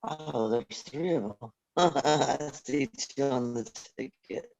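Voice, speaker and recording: A man's voice: mid-range voice, slow pace, vocal fry, darkish tone. A man speaking politely and hesitantly as a defendant on a remote court call whose audio is breaking up. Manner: polite, hesitant, lots of ums. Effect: call audio breaking up, dull and thin. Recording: dull, muffled, dry remote line.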